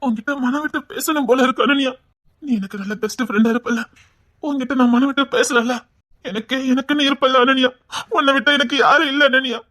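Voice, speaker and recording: A man with a Tirunelveli Tamil accent, playing a scheming young man who talks softly and wheedles. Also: very high-pitched, a little fast. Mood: wheedling. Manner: soft wheedling voice that turns mocking. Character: scheming young man, fake-tearful, later cold and harsh. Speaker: actor in a skit. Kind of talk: melodramatic skit acting.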